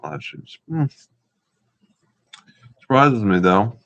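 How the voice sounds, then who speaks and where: A man hosts a casual, unscripted livestream, rambling hesitantly and repeating himself. His voice is on the low side, gravelly yet fairly bright in tone, expressive and slow, and the livestream audio sounds dull and roomy.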